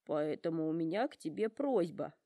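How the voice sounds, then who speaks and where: A woman's voice: low voice, expressive, normal speed, mellow, no room sound, studio quality, voice pushed down. A woman voicing a well-mannered young male elephant in a storybook, polite, earnest and heartfelt. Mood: confiding.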